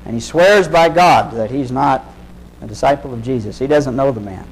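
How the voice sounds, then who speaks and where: A man's voice: medium pitch, normal speed, slight background noise, rough recording. A man preaching a sermon, retelling a story in casual, vivid terms and putting direct questions to his listeners.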